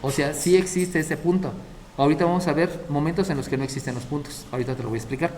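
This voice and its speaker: A man's voice: a little high, fast, a little mellow, slight background noise. A man giving a math lecture, explaining step by step and checking in with his students. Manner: explains step by step, often checking the class with short questions. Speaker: math teacher.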